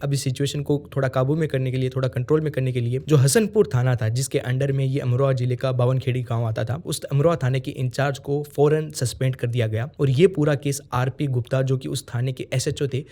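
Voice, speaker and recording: Earnest male true crime narrator, mellow voice. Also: medium pitch. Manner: earnest, repeats phrases for emphasis. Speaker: true crime podcast host.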